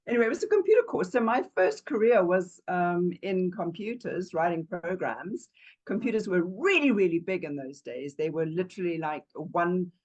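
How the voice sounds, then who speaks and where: A woman's voice: on the low side, lively intonation, moderate pace, lo-fi sound. A woman in her sixties from Zambia, a yoga teacher telling her life story as an interview guest in a chatty, wandering way, sometimes searching for words. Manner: chatty and digressive, warm laughs, searches for words.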